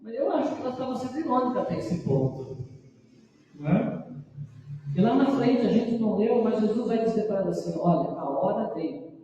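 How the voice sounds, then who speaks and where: High dark-toned preaching man, echoey hall. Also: expressive, slight background noise. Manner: preaching earnestly, retelling scripture with dramatic pauses. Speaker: pastor. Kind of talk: sermon. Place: church sanctuary. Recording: echoey church hall, mic far off.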